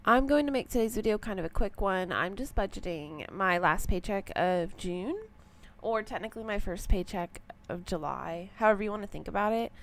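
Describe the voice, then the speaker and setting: A young woman walks through her budget in a loose, rambling way, full of ums and likes. Her voice is scratchy and gravelly with fry, as if she has just woken up. Her pitch sits in an ordinary middle range. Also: normal speed. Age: young adult. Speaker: personal finance vlogger. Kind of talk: casual budgeting walkthrough.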